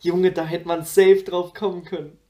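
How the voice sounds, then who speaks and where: Excitable slangy young man. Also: sits high, moderate pace. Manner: excitable, slangy, exclaims a lot. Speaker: guessing player. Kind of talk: casual chat.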